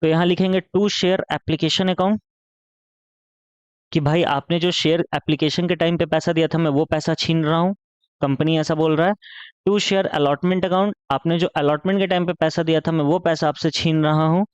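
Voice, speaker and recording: Man, online accounting teacher, asks and answers his own questions, smooth voice, dry slightly muffled sound. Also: a little high, steady tone, normal speed, no room sound. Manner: talks in students' voice, then answers himself; playful, chatty teaching tone. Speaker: commerce teacher.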